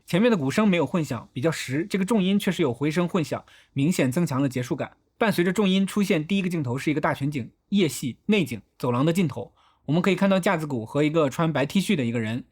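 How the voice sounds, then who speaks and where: A man's voice: on the high side, animated, fast, hardly any pauses, darkish tone, breathy edge. A man hosting a film analysis video, talking through each shot step by step in a methodical, explanatory way. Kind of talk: explanatory film breakdown narration.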